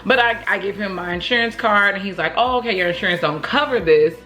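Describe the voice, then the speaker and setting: A woman's voice: mid-range voice, fast talker, sharp tone, faint music behind. A woman from Oakland, California with an American accent, chatting casually as she tells a rambling personal story and acts out what people said. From Oakland, California, United States. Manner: rambling, conversational, acts out reported dialogue. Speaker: vlogger telling a personal story. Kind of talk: casual storytime chat to camera.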